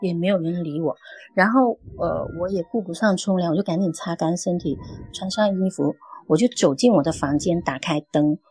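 Woman, husky voice, dry close sound, earnest halting ghost story. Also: fairly low pitch, a little mellow, no echo. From Guangdong, China. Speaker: caller sharing a story. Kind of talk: first-person ghost story telling.

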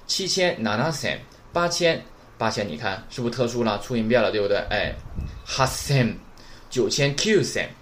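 Male language teacher, lively pitch, repetitive drilling delivery, faint background hiss. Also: normal speed. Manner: drills number words, constant "right?" check-ins. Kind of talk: recorded beginner lesson.

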